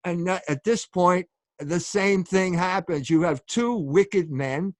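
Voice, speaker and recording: A man with a notably high voice gives a public lecture, speaking with earnest emphasis. His words come across dry and close, with no room echo around them. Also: takes it slowly. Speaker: speaker and author.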